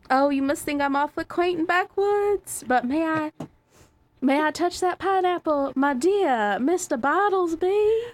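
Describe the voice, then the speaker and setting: This is a wide-eyed teenage girl. Her voice soars very high and swoops wildly, and she gushes breathlessly in a stage melodrama. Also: expressive, measured pace. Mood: giddy. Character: naive giddy seventeen-year-old girl, sheltered daughter.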